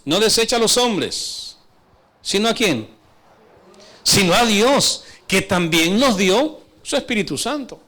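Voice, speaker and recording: A preacher with a notably high voice delivering an emphatic sermon. He exhorts his listeners and keeps checking in with them through questions. His delivery shifts between urgent stretches and slower, quieter passages. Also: expressive.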